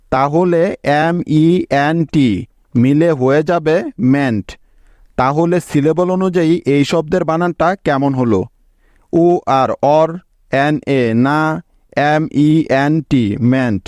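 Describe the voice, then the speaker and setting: A man with a somewhat high voice teaches a spelling lesson at a very slow, deliberate pace. He sounds out each piece of a word one at a time and keeps asking his students whether they are following. The recording is dry and close, with no room sound. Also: a little mellow, no room sound. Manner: patient, slow, breaks words into syllables and checks with students. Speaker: English teacher. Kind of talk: spelling lesson explained step by step.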